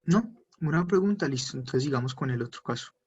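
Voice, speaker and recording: A husky, fairly high-voiced man, teaching German grammar step by step to a class. The sound is dull and muffled. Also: lively intonation, fairly quick, darkish tone. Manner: explains step by step, switching between Spanish and German drills. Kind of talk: online class explanation.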